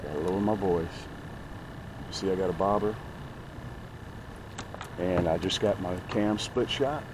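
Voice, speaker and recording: A deep, unhurried voice belongs to a middle-aged fishing-channel host talking casually to his audience from a small boat on a lake. Folksy and emphatic, he likes to repeat phrases. He is recorded by a nearby action camera, with outdoor noise in the background.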